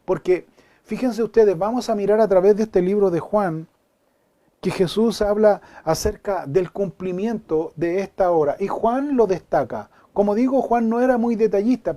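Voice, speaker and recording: A man's voice: high-pitched, warm tone. A male pastor giving a Bible study sermon, earnest and full of repeated rhetorical questions.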